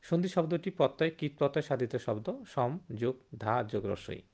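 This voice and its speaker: A man's voice: medium pitch, lively intonation, fairly quick, a little mellow. Man, grammar teacher, online class, rhetorical check-ins, repeats key terms. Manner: rhetorical questions with "hum?" and "thik na?"; repeats and stresses key words. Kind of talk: online Bengali grammar lesson.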